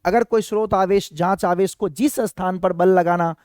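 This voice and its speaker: In a clean, echo-free studio recording, a man with a high, slightly mellow and smooth voice delivers a classroom physics lecture at normal speed with fairly even intonation. He repeatedly quizzes his students and performs imagined student questions in their voices.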